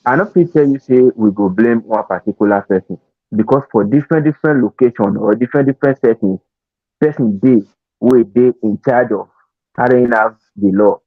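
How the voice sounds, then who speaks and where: Raspy Nigerian man in a roomy, phone-like recording. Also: mid-range voice, fairly quick. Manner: explanatory, reasoning through examples. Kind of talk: casual discussion in Nigerian Pidgin. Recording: roomy, tinny phone-like sound.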